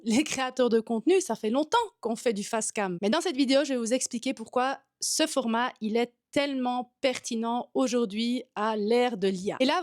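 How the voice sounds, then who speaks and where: A woman with a Swiss French accent, a yoga teacher and content coach, talking straight to camera in a direct, lively way, addressing the viewer informally. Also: high voice, no echo, studio quality.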